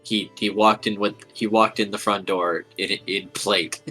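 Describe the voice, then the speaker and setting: A man with a low but bright, forceful voice chats through game rulings. Music plays behind him. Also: little pitch movement, unhurried. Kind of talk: casual tabletop role-play chat.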